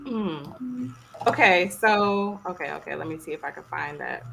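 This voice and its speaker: A woman hosting a casual podcast livestream, lively and teasing, often laughing. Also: fairly low pitch, measured pace, creaky, slight background noise, low-quality recording. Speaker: podcast host.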